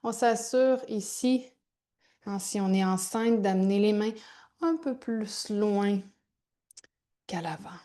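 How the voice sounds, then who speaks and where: A woman teaches a gentle yoga class, giving soft, informal cues with pauses as she demonstrates. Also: mid-range voice. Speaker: yoga instructor.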